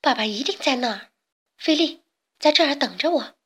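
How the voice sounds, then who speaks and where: A woman's voice: sits high, animated, normal speed, fairly bright tone. A woman playing an anxious young heroine. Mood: worried. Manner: anxious, urgent. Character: kind, brave young woman.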